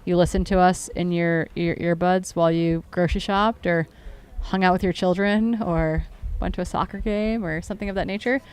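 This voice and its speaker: A woman's voice: fairly low pitch, steady tone, moderate pace, darkish tone, clean tone. A woman commentating a live trail race, chatty and upbeat, often correcting herself.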